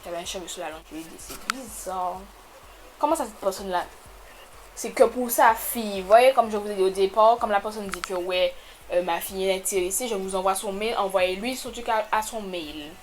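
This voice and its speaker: A woman telling a storytime to her camera in a casual, animated, exasperated way, with sudden loud jumps in pitch. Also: brisk, a little hiss or hum. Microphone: camera mic.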